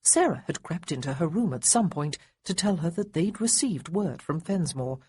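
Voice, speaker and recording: A woman narrating a historical romance audiobook in an expressive storytelling manner. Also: lowish voice, normal speed, slight background noise. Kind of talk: scripted narration.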